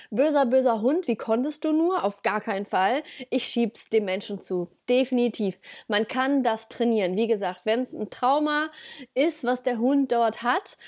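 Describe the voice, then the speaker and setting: A woman hosts a casual dog-training podcast. She talks straight to her listeners, direct and lively, with a voice of ordinary middle pitch for a woman.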